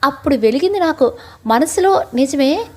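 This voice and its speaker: A woman narrating a scripted family audio story in a lively first-person telling. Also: high voice, normal speed.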